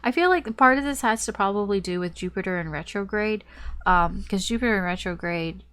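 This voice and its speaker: A woman's voice: medium pitch, brisk, a bit bright, clean tone. A woman giving a casual, rambling tarot reading, her voice stuffed up and nasal as if pinching her nose. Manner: rambling, repetitive, circling back over phrases. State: congested with a blocked nose. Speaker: tarot reader.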